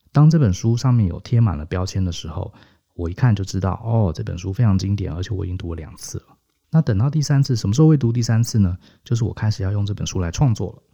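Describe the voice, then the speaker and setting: A man's voice: on the low side, warm tone. A man, co-hosting a podcast, explaining his methods step by step in a casual way, often tagging sentences with little checks like "hao". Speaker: podcast co-host. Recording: dull lo-fi podcast audio.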